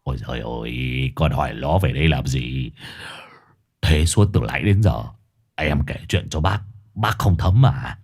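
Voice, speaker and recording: A man's voice: extremely low pitch, big pitch swings, a little slow, gravelly, a little mellow, husky, voice pushed down, exaggerated voice. A man voicing a terrified, cowardly young husband who stammers and pleads. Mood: pleading.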